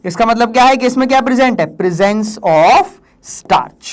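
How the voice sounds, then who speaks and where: A man's voice: very high-pitched, animated, a little slow. A male teacher giving an exam-prep lesson in a joking, teasing way. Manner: joking, playful, teasing students. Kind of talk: exam-prep lesson in Hindi-English mix.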